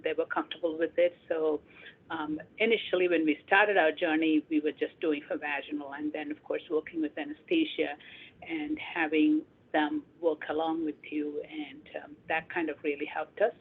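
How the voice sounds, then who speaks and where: Woman heard over the phone, hesitant, husky and tinny, unscripted remarks on a group call. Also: low-pitched. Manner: hesitant, many ums. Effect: heard over a phone line. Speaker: hospital staff member sharing practice at an online meeting.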